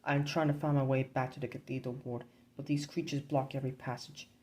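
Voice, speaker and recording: A man's voice: medium pitch, little pitch movement, fast talker, dark tone, close to an everyday voice. A man voicing a timid young woman who serves the church in a gothic horror game campaign. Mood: pleading.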